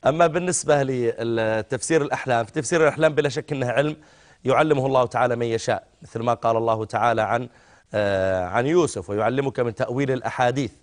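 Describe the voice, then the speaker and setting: Speaking quickly at medium pitch, a middle-aged Saudi-accented man gives religious advice on a call-in program. He is avuncular with callers and addresses them as "my son."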